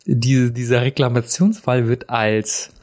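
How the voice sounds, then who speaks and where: A man's voice: medium pitch, a little slow. A young man hosting a podcast, casually telling a story and acting out both sides of the dialogue with lots of fillers. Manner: animated, acts out dialogue in quotes, many fillers. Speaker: podcast host.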